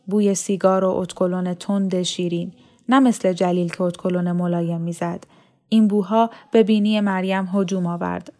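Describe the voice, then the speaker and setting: A woman reading a novel aloud in a calm, even, measured storytelling manner. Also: medium pitch. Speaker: story reader. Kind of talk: audiobook narration of a novel.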